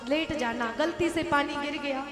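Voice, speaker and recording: A woman voicing a patient old mother speaking softly and gently, in an echoey hall with music behind. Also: high voice, moderate pace, close to an everyday voice. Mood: gentle. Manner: soft, pleading, quiet.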